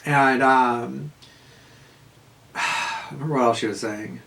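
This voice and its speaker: A man, telling a casual, profane story in a rambling monologue full of fillers and quick laughs. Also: medium pitch, steady tone, vocal fry, a bit bright. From Southern California. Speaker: vlogger.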